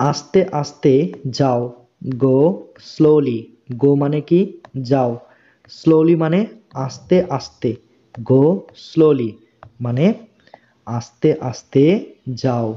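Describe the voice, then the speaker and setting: A man teaching spoken English as a lesson, slowly repeating each phrase and explaining it word by word. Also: mid-range voice, dark tone. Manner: slow, deliberate repetition of phrases with word-by-word explanation. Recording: dull, lo-fi recording.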